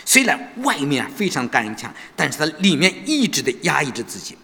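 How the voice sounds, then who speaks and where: A man's voice: on the high side, wildly swooping pitch, a little fast, vocal fry, bright, forceful tone. A man preaching a sermon, telling a story and constantly asking his listeners rhetorical questions. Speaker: pastor. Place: church sanctuary. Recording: long church reverb.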